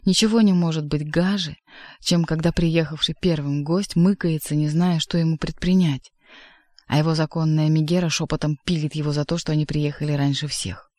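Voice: mid-range voice, fairly even intonation, normal speed, darkish tone, dry recording, studio quality, lightly acted. Figure: a reader putting on a sly demon courtier. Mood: ingratiating. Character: sly fawning male demon courtier, middle-aged. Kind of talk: audiobook reading.

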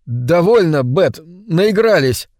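A man's voice: fairly high pitch, very animated, slow pace, no room sound, clean studio sound, exaggerated voice. A man voicing a terrified grown man who calls out in fear and pleads in panic. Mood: frightened. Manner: frightened pleading shouts.

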